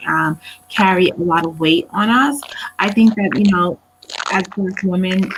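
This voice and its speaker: A woman's voice: fairly low pitch, unhurried. A woman counselor introducing herself on an online panel, speaking in an earnest, encouraging way over a staticky, crackly call connection. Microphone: remote call line.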